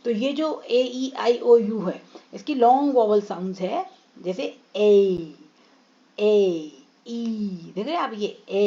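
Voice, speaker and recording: A woman with an Indian English accent teaching phonics to children, sounding out each word slowly and mixing Hindi with English. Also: a little high, mellow, dull audio. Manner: slow, drawn-out teaching voice, sounding out words one by one; mixes Hindi and English, addresses students as children. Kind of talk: online phonics lesson for children.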